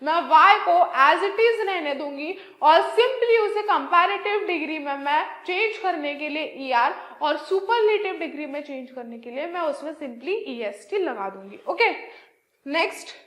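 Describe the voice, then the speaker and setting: A young woman teacher with an Indian English accent, giving an exam-prep grammar lesson and drawing out example words slowly. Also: sits high, lively intonation, a bit bright, echoey room. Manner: slow, drawn-out spelling and repetition of example words; mixes Hindi with English phrases.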